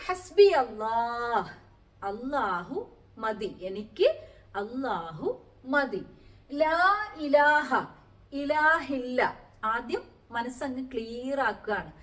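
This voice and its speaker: Woman, teacher, lively pitch, explains word by word, rhetorical questions. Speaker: Quran teacher. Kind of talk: Quranic Arabic lesson.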